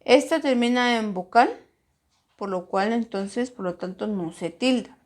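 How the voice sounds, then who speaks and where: Woman schoolteacher, unhurried, a bit high-pitched, spells out syllables for young pupils. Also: a little mellow. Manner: slow, deliberate, stresses syllables when modeling words. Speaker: primary school teacher. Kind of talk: recorded grammar lesson.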